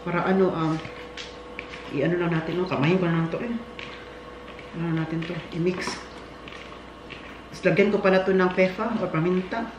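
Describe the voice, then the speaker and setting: A woman's voice: fairly low pitch, moderate pace, long pauses, dull audio. A woman from the Philippines, rambling chattily as she cooks and talks to her viewers. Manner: rambling, chatty, laughs often. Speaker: vlogger. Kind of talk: casual cooking chat. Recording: echoey room with loud background noise.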